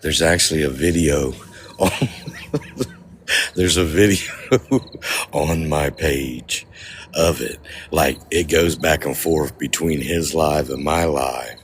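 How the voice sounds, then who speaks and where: A man with a strikingly deep voice tells stories to his livestream viewers, joking, swearing and breaking into laughter. He speaks slowly and easily, recorded outdoors in a cemetery at night with a faint hiss behind him. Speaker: paranormal vlogger. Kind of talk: casual storytelling to a livestream audience.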